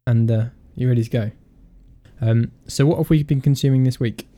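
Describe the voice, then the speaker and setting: A man's voice: medium pitch, brisk, warm tone. A man hosting a casual podcast chat, joking, laughing often and restarting his sentences. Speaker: podcast host.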